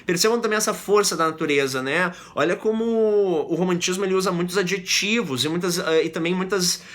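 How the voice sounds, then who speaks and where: Guy teaching a poetry class, fairly high bright voice, keeps asking "né?" and reads verses slow. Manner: explains with frequent "né?" and reads verses aloud slowly. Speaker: literature teacher. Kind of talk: lecture with poetry reading.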